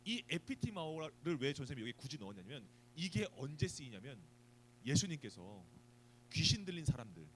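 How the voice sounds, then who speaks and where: Lively Korean youth preacher, animated. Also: male voice, on the high side, normal speed, a little hiss or hum, poor audio. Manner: animated, asks the students questions, acts out scenes. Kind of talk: youth sermon. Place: church youth service.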